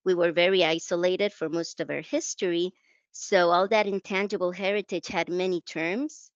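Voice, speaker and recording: A woman's voice: fairly low pitch, fairly even intonation, moderate pace, dry recording, highs cut off. A woman from the Canary Islands, speaking English as a second language with a Spanish accent, telling stories about her work in a reflective, self-deprecating way. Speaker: guest translator. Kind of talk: conversational interview.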